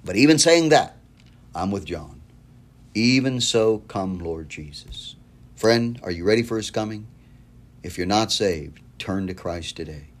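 A man's voice: animated, normal speed. Male preacher, earnest and pleading, talks straight to the listener, loose with restarts. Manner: earnest, pleading, rises in pitch for appeals; fillers and repeated words, conversational. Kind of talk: recorded sermon series, addressing listener.

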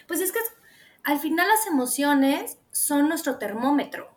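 A woman's voice: high-pitched, takes it slowly. A woman with a Mexican Spanish accent chatting casually as a podcast co-host, acting out her own quotes as she tells stories. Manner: animated storyteller, acts out her own quotes. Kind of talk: casual chat.

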